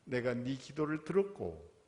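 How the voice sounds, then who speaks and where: A male pastor preaching a sermon, swinging from quiet, questioning asides to loud, impassioned cries. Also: medium pitch, big pitch swings, moderate pace. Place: church sanctuary. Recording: long reverb of a church hall.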